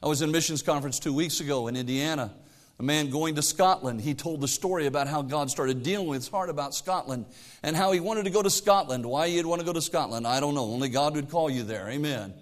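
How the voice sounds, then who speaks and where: Preaching from the pulpit, this middle-aged man alternates between booming exhortations and hushed asides, reciting scripture loudly. His pitch sits on the high side and his pace is quick.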